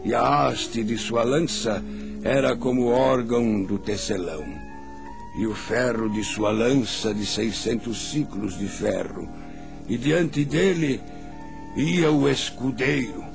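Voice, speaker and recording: An older man narrating a Bible story for children as a grandfather, solemn and deliberate, in a dramatic storyteller's way. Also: medium pitch, vocal fry. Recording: music under the voice.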